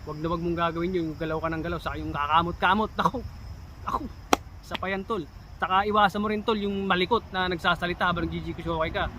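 A man's voice: sits high, level tone, fast talker, background noise. A man in his thirties from the Philippines giving casual advice in a vlog, chatty, with emphatic warnings and a habit of calling his viewers "tol". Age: 30s. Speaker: vlogger giving job interview tips.

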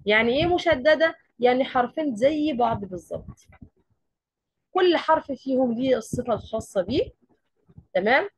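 A woman's voice: sits high, animated, fairly quick, pauses often, slightly rough, no room sound. A woman with an Egyptian accent teaching a tajweed lesson. She explains step by step and often asks questions and then answers them herself. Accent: Egyptian Arabic. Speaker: Quran recitation teacher.

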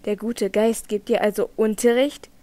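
A woman's voice: on the high side, fairly even intonation, moderate pace, mellow, no echo, close to an everyday voice. A woman voicing an anxious young nobleman in an audiobook, asking urgent, distressed questions. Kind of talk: audiobook character reading.

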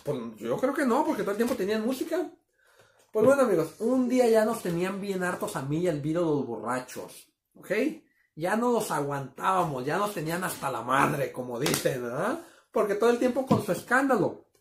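A man's voice: high voice, big pitch swings, brisk, echoey room, a little hiss or hum. A man casually telling a story to his listeners, calling them friends and acting out the sound effects. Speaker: storyteller host.

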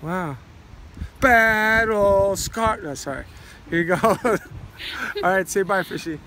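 A man in his forties, a father, narrates a fishing vlog in a high-pitched voice, taking it slowly and rambling casually with lots of ums. He holds the phone camera at arm's length, first inside a parked car and then out on a river dock, with slight background noise.

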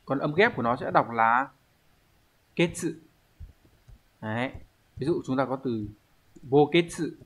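Man explaining slowly, thinking aloud. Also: mid-range voice, fairly bright tone, slightly rough. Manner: thinks aloud, slow explanatory delivery with pauses. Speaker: Japanese teacher. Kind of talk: online language lesson.

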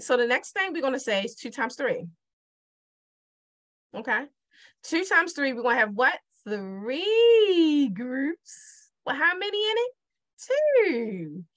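A math teacher, middle-aged and with a Baltimore accent, gives a relaxed whiteboard lesson on multiplication using a digital board. She's talkative and keeps repeating questions to the viewer, her voice a little high and a bit bright.

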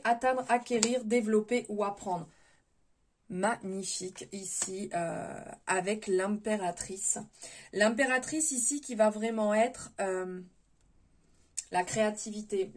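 A woman giving a spontaneous spiritual tarot reading, gentle and advising, often hesitating and restarting her words. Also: mid-range voice, measured pace, a little hiss or hum. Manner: hesitant, many fillers and restarts. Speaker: tarot reader.

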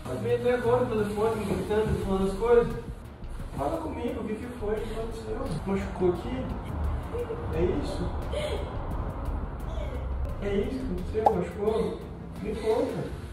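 A man's voice: high voice, normal speed, long pauses, music in the background. A young man with a Brazilian accent, teasing and coaxing, laughing often as he talks. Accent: Brazilian Portuguese. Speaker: vlogger's boyfriend. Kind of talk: casual vlog, speaking off-camera. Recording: roomy, distant from mic, background noise.

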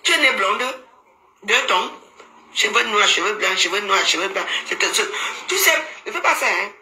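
A woman's voice: medium pitch, animated, moderate pace, pushed and bright. Teasing woman on a live stream. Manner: teasing, mocking, laughs often, scolding asides. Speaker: social media commentator. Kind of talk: casual Facebook live commentary. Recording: roomy echo, faint background noise.

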